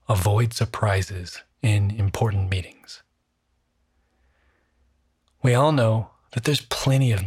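A man leading a guided meditation in a soft, hushed, calm and soothing voice with a breathy husk. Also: on the low side, no echo, clean studio sound. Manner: calm, soothing, unhurried delivery.

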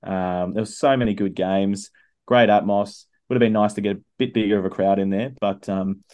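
A man's voice: on the low side, fairly even intonation, normal speed, darkish tone, lo-fi sound. A man hosts a casual sports chat. His delivery is laid-back and rambling, with hesitant turns as he feels his way through each thought. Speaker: rugby podcast host.

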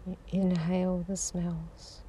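A woman guiding a sleep meditation in a slow, soothing voice that drifts into whispers. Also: fairly low pitch, flat delivery, warm tone, slight background noise. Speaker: sleep hypnosis guide.

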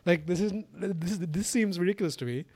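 A man's voice: high voice, fairly quick, a little mellow, no echo. A man from Sri Lanka hosting a podcast, talking casually in a rambling way with many restarts and fillers. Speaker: podcast host. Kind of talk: casual conversation.

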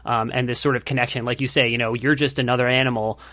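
A male podcast host asking questions in a halting way, restarting his sentences as he searches for words. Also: mid-range voice, level tone, pushed and bright, no echo, studio quality. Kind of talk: casual interview conversation.

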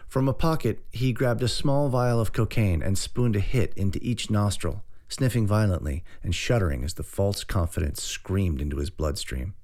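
A man narrating a story in an even, unhurried way. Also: lowish voice. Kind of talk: audiobook narration.

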